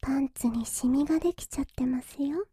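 A woman voicing a teasing young masseuse who tends to a hero, speaking in a soft breathy whisper with a slow, coaxing, giggly manner. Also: sits high, dry recording, close to an everyday voice. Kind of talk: whispered ASMR roleplay.

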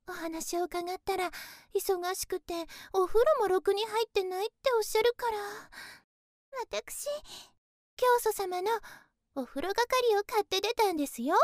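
A woman's voice: very high voice, dry recording, clean studio sound. A woman voicing a naive, sheltered young woman who speaks in very polite, airy, innocent formal speech, in a one-sided voice drama.

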